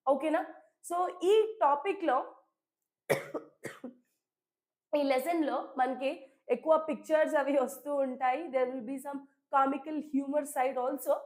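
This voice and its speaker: Hoarse high-voiced woman teacher. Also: a little mellow. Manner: chatty, keeps checking in with "okay?". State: hoarse, sick throat, coughing. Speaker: chemistry teacher. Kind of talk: live online class, Telugu-English mix.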